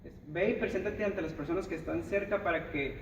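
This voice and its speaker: High-voiced preacher with a Mexican accent in an echoey hall. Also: male voice, brisk. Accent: Mexican Spanish. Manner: emphatic, speaks straight to the listener, acts out others' words. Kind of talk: sermon. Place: church hall. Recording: echoey hall, distant, dull, noisy.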